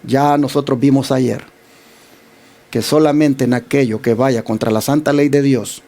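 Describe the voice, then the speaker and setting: A man's voice: mid-range voice, steady tone, a little slow, mellow. A male pastor in a mid-range voice leads a Bible lesson. He explains each point and puts rhetorical questions to his listeners.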